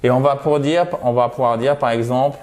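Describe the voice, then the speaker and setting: A man's voice: medium pitch, steady tone, a little fast, darkish tone. A man teaching English to French speakers in a video lesson, explaining patiently and playfully exaggerating example pronunciations.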